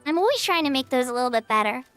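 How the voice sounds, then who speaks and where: A woman's voice: high-pitched, sing-song, rapid-fire, fairly bright tone, clean tone, soft background music. A woman livestreamer chatting casually while gaming, in a cute anime-girl manner.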